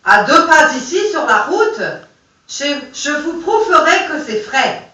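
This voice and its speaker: Angry accusing German army captain, loud, bright tone, roomy distant sound, a woman reading him aloud. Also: high voice, big pitch swings, a little slow, pitched above the performer's own voice, heavily acted. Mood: furious. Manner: loud accusing reading with a weak put-on accent. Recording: roomy, distant, dull sound, faint hiss.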